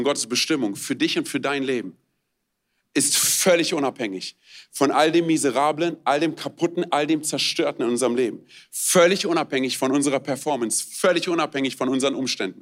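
A man preaching as a guest speaker, energetic and casual, talking straight to the listener with slangy asides. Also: medium pitch. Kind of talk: sermon.

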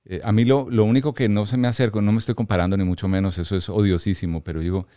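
A man with a lowish voice hosts a relaxed sit-down interview. He chats freely, often leaving sentences unfinished, and his voice sounds dry and close to the mic. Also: rapid-fire, no echo. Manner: warm, chatty, laughs easily, trails off mid-sentence. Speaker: podcast host. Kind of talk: casual conversational interview.

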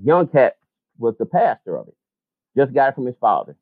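Animated man over a tinny line. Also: medium pitch, moderate pace, no echo. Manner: animated, profane, laughing storyteller. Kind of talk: casual storytelling chat. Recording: dry tinny phone-like line.

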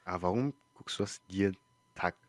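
A man's voice: low voice, fairly quick, no echo. A man from Chile speaking German, chatting casually on a podcast, slangy and often searching for words. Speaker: podcast co-host. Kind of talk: casual chat.

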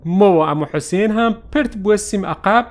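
A man narrating a first-person story in a lively, animated way. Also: sits high.

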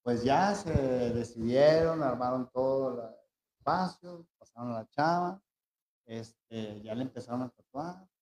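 A man's voice: mid-range voice, a little slow, darkish tone. A man with a Mexican accent, a tattoo artist casually telling anecdotes and acting out the people in them, with frequent restarts. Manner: storytelling, acting out quoted voices, frequent restarts. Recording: roomy echo.

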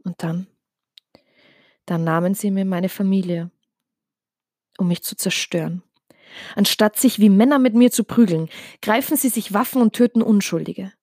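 Woman reading a grim story out loud, really emotional, sometimes goes hushed, dry sound. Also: mid-range voice, normal speed, long pauses, no echo. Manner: emotional, intense delivery with hushed passages. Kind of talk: dramatic first-person story reading.

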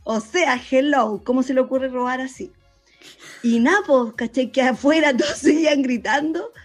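A Chilean woman telling a story in casual chat, animated and slangy, laughing often. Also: sits high, normal speed, soft background music.

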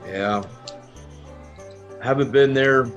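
A man's voice: mid-range voice, extremely slow, lo-fi sound, faint music behind. A man playing a jovial town-drunk adventurer. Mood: friendly, rambling. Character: friendly, rambling wandering adventurer, happily drinking in a tavern. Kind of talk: improvised tabletop role-play.

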